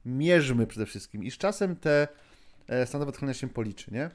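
A man's voice: medium pitch, lively intonation, brisk. A man hosting a live-streamed lesson, thinking aloud with many fillers and restarts, chatting with viewers and moderators as he goes.

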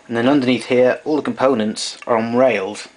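In a steady, mid-range voice with a darkish tone and normal speed, a man gives a casual, explanatory demo of equipment with his hands. He's recorded at home in a small indoor room by a camera mic placed a short way off. Background noise is clear, and the amateur recording is noisy.

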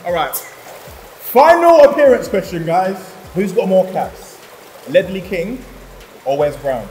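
A man's voice: sits high, big pitch swings, slow pace, darkish tone, slight background noise. A man in his twenties with a London accent, chatting in playful, teasing slang as a quiz contestant. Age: 20s. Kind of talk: casual playful banter. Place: large tiled indoor pool room, in a tub of water. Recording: echoey reverberant pool hall, music behind.

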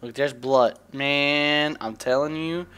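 A man's voice: a little high, fairly even intonation, slow pace, fairly bright tone, smooth. A man giving nervous, cursing let's-play commentary on a horror game. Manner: jumpy, swearing, nervous joking. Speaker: gaming video creator.

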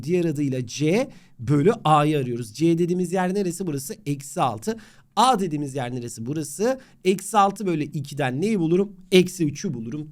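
A man's voice: fairly high pitch, a little mellow. A young man teaching a math lesson on video, talking straight to the student in a playful, joking way. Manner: playful, talks directly to the student, jokes and mock chants.

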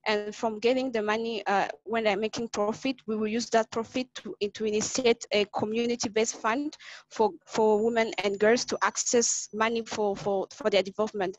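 A woman from Rwanda presenting a project pitch on a video call, speaking haltingly with frequent restarts. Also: steady tone, no room sound, lo-fi sound.

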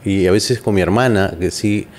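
Brief: male host, very low voice, conversational, faint rumble behind. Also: darkish tone. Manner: conversational, quick short acknowledgements. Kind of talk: casual interview.

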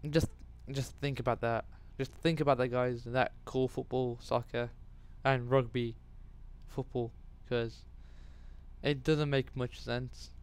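Slow, rambling guy. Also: mid-range voice, steady tone, darkish tone, clean tone. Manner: rambling, chatty, goes off on tangents. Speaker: gaming commentator. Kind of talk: casual Let's Play commentary.

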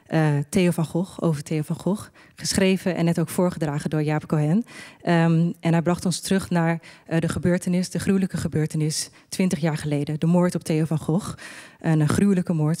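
A woman's voice: low-pitched, dark tone. A woman moderating a live debate evening on stage, introducing the speakers with many hesitations and fillers. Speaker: program maker and moderator.

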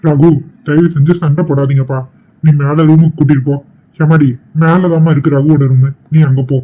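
A kindly middle-aged father in a cartoon, played by a man speaks gently to settle the family. The voice is a touch high, and the sound is dull and lo-fi. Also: fairly even intonation, brisk, lightly acted. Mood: calm. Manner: gentle, placating.

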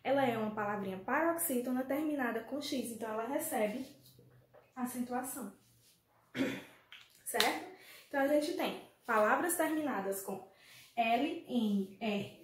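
High-voiced Brazilian woman teacher, echoey room. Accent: Brazilian Portuguese. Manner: affectionate, coaxing, asks pupils questions. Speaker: primary school teacher. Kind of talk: remote class lesson. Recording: echoey room, faint noise.

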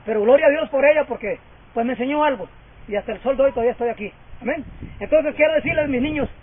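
A man in his fifties preaching a fervent sermon and calling out for amens. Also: very high-pitched. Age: 50s. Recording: tinny phone-like sound.

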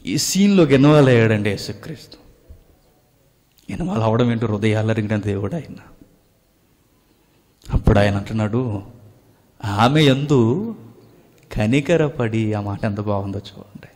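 A man with a Telugu accent preaching a sermon, swinging between loud exclamations and hushed, near-whispered lines. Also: fairly low pitch, normal speed, pauses often. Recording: long hall reverb.

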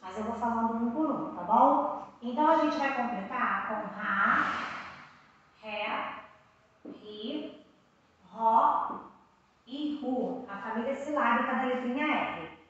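A Brazilian woman teacher with a high, bright voice leads young children through their reading lessons. She speaks very slowly, stretching out each syllable and repeating it patiently. Her voice comes from a distance in an echoey room, with a dull recording. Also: slight background noise. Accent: Brazilian Portuguese. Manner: drawn-out syllables, patient repetition, prompting questions. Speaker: primary school teacher. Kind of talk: slow, clear classroom instruction for young children.

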